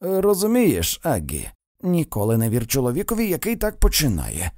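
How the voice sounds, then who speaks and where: A man's voice: mid-range voice, huge pitch swings, normal speed, darkish tone, dry recording, clean studio sound. A man voicing a meek young husband who talks earnestly and stammers. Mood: pleading.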